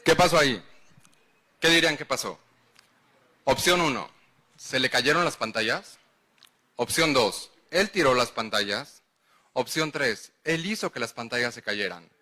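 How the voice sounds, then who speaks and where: A man's voice: mid-range voice, expressive, a little slow, pauses often, pushed and bright. A man with a Mexican accent giving a public lecture, engaging the audience with questions. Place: lecture hall.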